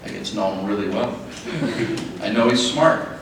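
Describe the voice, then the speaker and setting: Middle-aged man, father of the bride at the podium, halting short phrases, very reverberant room, noisy background. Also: fairly low pitch. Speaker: father of the bride giving a speech. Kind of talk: wedding speech. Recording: echoey, noisy room, distant mic.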